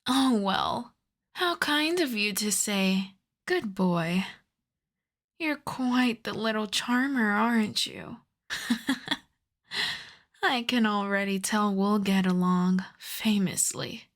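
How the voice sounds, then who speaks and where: A woman playing an ancient aristocratic vampire countess in an ASMR roleplay, soft and breathy with whispers, speaking in a refined, coy, teasing way. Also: mid-range voice, slow pace, long pauses. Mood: flattered, coy. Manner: refined, coy, formal old-fashioned phrasing. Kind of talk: ASMR roleplay, slow intimate scripted monologue.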